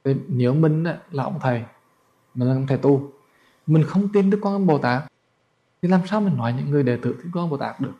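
A man's voice: on the high side, animated, brisk, highs cut off. A man, a Buddhist monk telling a story as a sermon in a colloquial, chatty way. He stumbles over repeated words and speaks straight to his listeners.

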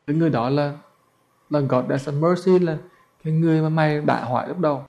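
A man's voice: a little high, fast, vocal fry, a little mellow. A man, a Buddhist monk telling a story as a sermon in a colloquial, chatty way. He stumbles over repeated words and speaks straight to his listeners.

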